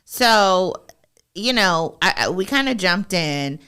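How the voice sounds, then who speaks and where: A woman's voice: lowish voice, expressive, takes it slowly, sharp tone, smooth. A woman hosting a podcast interview, drawing out her guest with encouraging, affirming remarks. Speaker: podcast host.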